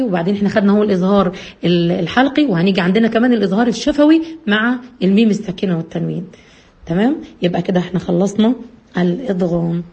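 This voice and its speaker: A woman with an Egyptian Arabic accent teaching recitation rules, asking her listeners questions and answering them herself. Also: mellow. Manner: asks and answers own questions, many fillers. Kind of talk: explanatory lesson, addresses listeners directly. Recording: husky low-bitrate radio-quality audio.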